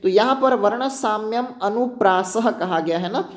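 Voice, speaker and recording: Give me a male teacher walking students through exam questions, often pausing to check they follow. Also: sits high. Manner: keeps checking in with "okay" and "keep in mind". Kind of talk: exam-prep lesson.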